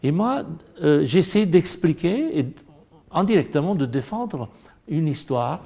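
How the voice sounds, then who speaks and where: A middle-aged man with a Romanian accent speaks in a Bible study discussion, his voice dark and mellow with a gravelly edge. He talks earnestly and builds to emphatic stress on the points he cares about. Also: a little high, very animated, unhurried.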